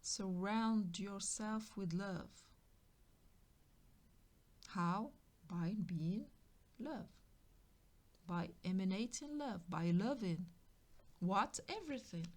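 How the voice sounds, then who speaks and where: A tarot card reader offers a spiritual reading in a mid-range voice, drawing out her words and pausing often. She muses, circles back over the same points and occasionally slips into a whisper.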